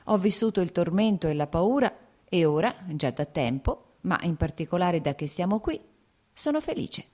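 A woman's voice: on the low side, very animated, moderate pace, warm tone. A woman voicing an eager, emotional noblewoman. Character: young noblewoman, anxious yet blissfully happy.

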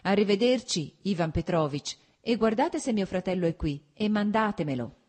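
A graceful young noblewoman speaks politely, with a light and playful warmth, as a woman narrator gives her voice. The voice rides a little above the reader's usual low, husky register. It is an audiobook reading of a novel. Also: lively intonation, normal speed, close to an everyday voice. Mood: polite, brisk. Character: lively, graceful young noblewoman, quietly warm.

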